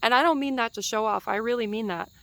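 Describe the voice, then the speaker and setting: A woman's voice: on the high side, quick pace, a bit bright, no echo, poor audio. A woman in her twenties giving a casual spiritual teaching outdoors in a forest, chatty and meandering, with fillers and light laughs.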